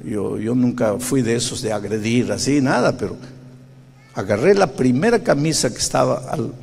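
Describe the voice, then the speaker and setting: Gravelly Peruvian pastor telling a story. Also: male voice, mid-range voice, normal speed, in a large hall. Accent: Peruvian Spanish. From Peru. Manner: animated storyteller, swings from loud to hushed. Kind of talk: sermon with storytelling.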